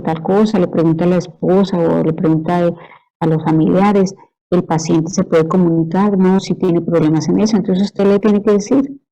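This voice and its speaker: Woman, lecturer, relaxed dark voice, patient, keeps asking if students follow. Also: lowish voice, highs cut off. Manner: explanatory, asks "¿sí?" to check understanding. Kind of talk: university lecture.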